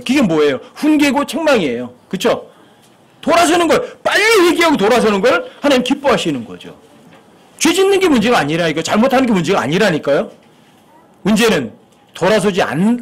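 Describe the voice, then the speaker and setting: A man's voice: sits high, breathy edge. A male pastor preaching a sermon in church, talking conversationally and asking his listeners frequent rhetorical questions.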